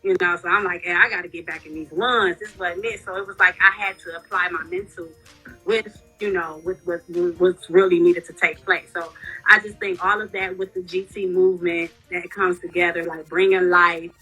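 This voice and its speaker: Woman guest, chatty and frank, bright tone, retainers slurring slightly, casual interview. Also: fairly low pitch, normal speed, breathy edge, soft background music, poor audio. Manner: chatty and candid, lots of "you know" fillers. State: wearing retainers that affect her speech. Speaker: guest, reality TV cast member.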